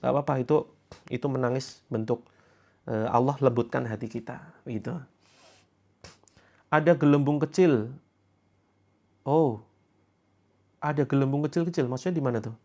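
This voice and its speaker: A man's voice: medium pitch, moderate pace, pauses often, mellow. A man coaching viewers on a live stream in a chatty way, laughing often and reading out their comments. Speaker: online self-help and therapy coach. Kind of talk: casual live-stream talk.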